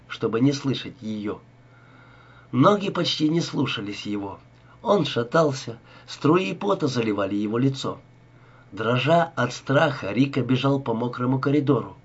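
A man reading a crime story aloud as narrator in a steady, even manner. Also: medium pitch, breathy edge. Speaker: audiobook narrator. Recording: dull lo-fi recording.

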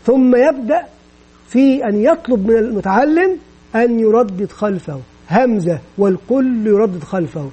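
A man giving an educational lecture on teaching methods, measured and explanatory, often repeating phrases for emphasis. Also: very high voice, animated, dark tone, husky, poor audio.

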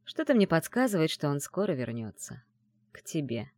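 A woman's voice: low-pitched, sing-song, moderate pace, a little mellow, no echo, studio quality. A woman voicing a stern, commanding academy dean. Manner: firm, commanding, brooks no argument.

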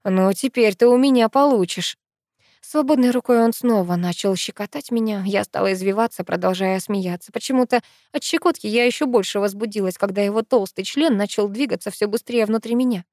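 A woman's voice: medium pitch, brisk, few pauses, dry recording, clean studio sound. Intimate woman narrating a romance audiobook. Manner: intimate, expressive storytelling. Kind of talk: first-person romance audiobook reading.

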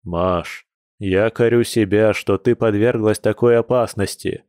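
A man voicing a hot-tempered, protective bear shapeshifter, gruff and intense, in an audiobook. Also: steady tone, a little slow, darkish tone, dry recording, studio quality, natural voice. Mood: furious. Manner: gruff, intense, with low hissed anger. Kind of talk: audiobook character reading.

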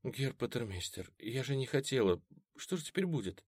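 A man voicing a frightened, timid young woman who speaks in a quiet, trembling, pleading way. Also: mid-range voice, big pitch swings, normal speed, slightly rough, no room sound, clean studio sound, voice pushed up.

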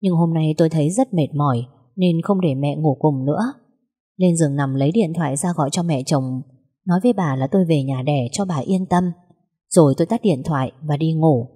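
A woman narrating a first-person story in an even, plain reading voice. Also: low-pitched, fairly quick, breathy edge.

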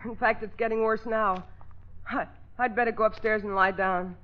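An actress playing a wife faking a dramatic illness in a 1940s radio sitcom, plaintive and melodramatic. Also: female voice, mid-range voice, fairly even intonation, moderate pace, lightly acted. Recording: dull lo-fi old radio broadcast, faint hiss.

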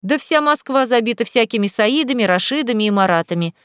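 A woman voicing Alya, a playful, party-loving young woman who talks in a capricious, lively way. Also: fairly high pitch, fairly quick, clear, resonant tone, no room sound, clean studio sound, natural voice.

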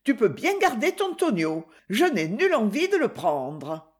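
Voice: mid-range voice, huge pitch swings, a little slow. A reader voicing a young female dancer who defends herself earnestly in an audiobook. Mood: defensive. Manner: pleading and defensive. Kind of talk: audiobook reading.

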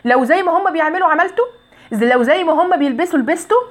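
A woman with an Egyptian Arabic accent teaching Quran recitation rules, drawing out syllables slowly as drills and asking and answering her own questions. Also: very high voice, animated.

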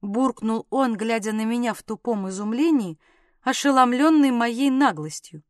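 A woman narrates a classic novel as an audiobook. Her storytelling is steady and expressive. Her voice is high and dry, recorded close to the mic. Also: moderate pace, dry recording. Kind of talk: scripted narration.

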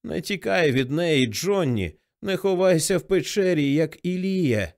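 A frail old mother after a stroke speaks high and slow, hoarse and halting as she pleads with her son, as a male reader puts her on. Her pitch climbs and falls with feeling in this audiobook reading. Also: animated, darkish tone. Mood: fervent.

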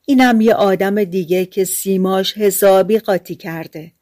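A woman's voice: mid-range voice, dark tone, no room sound, studio quality, lightly acted. A woman reading as a sly peasant trickster man. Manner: sly, placating.

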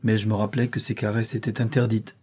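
A man narrating a classic novel as an audiobook, in a measured, even storytelling manner. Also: on the low side, breathy edge.

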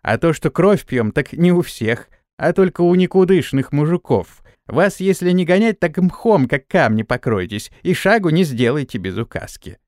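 A man voicing a sharp-tongued scolding maidservant. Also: a little high, very animated, moderate pace, few pauses, no echo, studio quality, pitched above the performer's own voice. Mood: lecturing. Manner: scolding, preachy. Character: sharp-tongued blunt female servant.

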